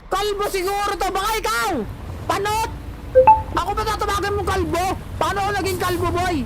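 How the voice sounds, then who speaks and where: A livestreamer with a high voice taunts the viewers, teasing and repeating jabs in a mocking rhythm. Loud music plays under the whole stream. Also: fairly even intonation, brisk. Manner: mocking, repetitive, teasing catchphrases. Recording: loud background music over voice.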